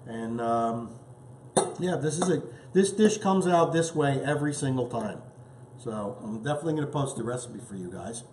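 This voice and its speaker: Male cooking host, chatty and eager, average pitch, roomy kitchen sound. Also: expressive, normal speed, darkish tone, slight background noise. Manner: enthusiastic, chatty, tasting food as he talks. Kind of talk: casual cooking show.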